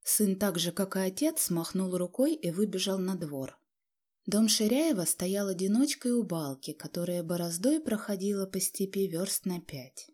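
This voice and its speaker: Brief: woman narrator, husky, mellow and lowish, calm scripted audiobook reading. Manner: measured storytelling.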